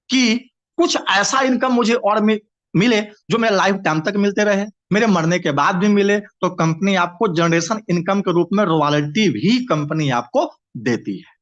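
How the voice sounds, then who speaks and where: A man's voice: high-pitched, a bit bright. A man presenting and explaining a business plan to his audience, steadily, with frequent restarts and repeated words. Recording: dull lo-fi recording.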